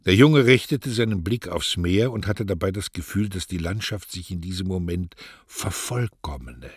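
A man narrating a novel in an expressive audiobook reading, on a close studio mic. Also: sits low, moderate pace, slightly rough, no room sound. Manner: expressive storytelling.

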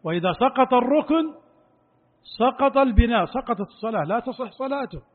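A man with a high voice gives a religious lesson, going over each point and repeating key phrases for emphasis. He sounds out pronunciations as examples. The recording is thin and tinny, like a phone line. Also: animated, a little fast. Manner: demonstrates pronunciations aloud. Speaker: sheikh teaching a text.

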